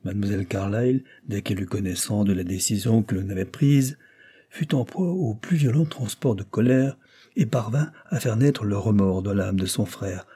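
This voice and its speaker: Man narrating an audiobook, low pitch, warm mellow tone, husky, measured reading. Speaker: audiobook reader. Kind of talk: scripted narration.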